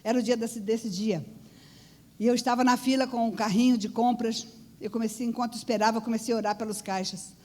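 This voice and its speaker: A woman's voice: on the high side, steady tone, fairly quick, a little mellow. A woman preaching in church, telling a personal testimony in an earnest storytelling way. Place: church hall. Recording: long church-hall reverb.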